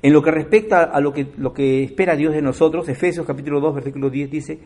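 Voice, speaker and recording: A man preaching a sermon in a fairly high voice. He swings from loud, emphatic lines to low, quiet asides. He keeps turning to his listeners with direct questions. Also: fairly even intonation, fast.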